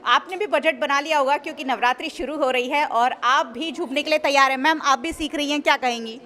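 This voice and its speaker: Woman reporter, high voice, chatty and upbeat, asks lots of questions. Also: brisk, bright, forceful tone. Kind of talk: news feature reporting.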